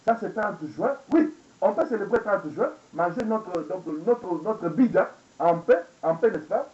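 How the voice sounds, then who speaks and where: Through an echoey, dull lo-fi webcam recording made indoors, a forty-something man rambles angrily, repeating phrases, asking rhetorical questions and code-switching into English. His voice is high-pitched with a darkish tone.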